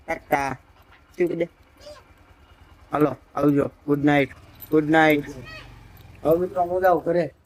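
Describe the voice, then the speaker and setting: A man's voice: high-pitched, dry recording. A man vlogging outdoors on a phone camera, coaxing a small child in sing-song baby talk and chatting to viewers.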